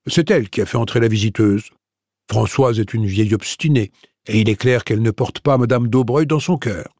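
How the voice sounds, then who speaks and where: A man's voice: medium pitch, moderate pace, a little mellow, no echo, clean studio sound, close to an everyday voice. A man voicing a firm, matter-of-fact police commissioner in an audiobook.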